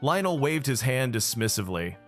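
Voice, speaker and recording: A man's voice: medium pitch, sing-song, fairly quick, faint music behind. Male narrator recapping a dramatic story. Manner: dramatic first-person storytelling.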